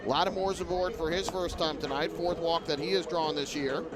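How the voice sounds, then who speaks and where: Male baseball play-by-play announcer, slightly high voice. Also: fairly even intonation, normal speed, poor audio. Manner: descriptive, clipped play-by-play phrasing. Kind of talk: live sports commentary.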